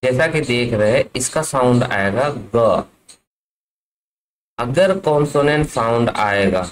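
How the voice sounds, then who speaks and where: A man's voice: mid-range voice, expressive, slow pace, poor audio. A man teaching an English grammar lesson, asking his class questions and answering them himself. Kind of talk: classroom lesson explaining at a board.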